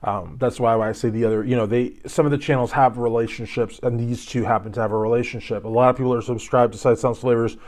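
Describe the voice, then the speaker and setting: A male YouTube host from Kentucky talks through a court case in a loose, rambling way. He drifts into joking asides and restarts, and his voice sits at an ordinary middle pitch for a man. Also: steady tone, fast, few pauses, a little mellow. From Louisville, Kentucky. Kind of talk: casual commentary.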